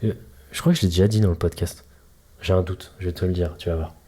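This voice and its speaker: A man with a low, mellow, husky voice talks fast in a fairly even tone. He hosts a casual solo podcast as a mobility coach, chatting and joking as he speaks straight to the listener and explains things through homely analogies.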